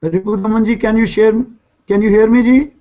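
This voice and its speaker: A man's voice: high-pitched, steady tone, brisk. A man politely hosting and moderating a religious discussion on an online call. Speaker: discussion host. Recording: dull lo-fi online call audio.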